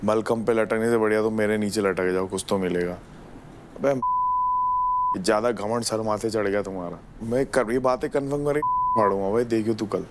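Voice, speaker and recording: A young man, a reality show contestant, arguing bluntly with rough slang. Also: fairly low pitch, steady tone, normal speed, heavy background noise. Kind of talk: heated argument.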